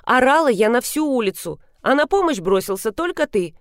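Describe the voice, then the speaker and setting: Teasing, sharp-tongued young woman, voiced by the reader. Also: a little high, big pitch swings, brisk, no echo, clean studio sound, voice pushed up. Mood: mocking. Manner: mocking, playful.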